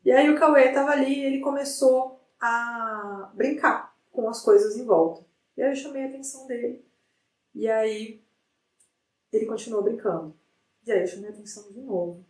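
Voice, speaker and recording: A middle-aged woman, a psychologist guest, telling a story in a lively way with many restarts. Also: on the high side, normal speed, far from the mic. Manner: animated retelling with frequent restarts. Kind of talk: conversational storytelling in an interview. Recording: roomy sound from off the mic.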